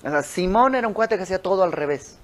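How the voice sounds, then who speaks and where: Animated Mexican man teaching Bible study. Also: high voice, fast talker. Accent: Mexican Spanish. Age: young adult. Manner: conversational, animated storytelling with quoted dialogue. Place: house. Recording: home recording with audio flaws.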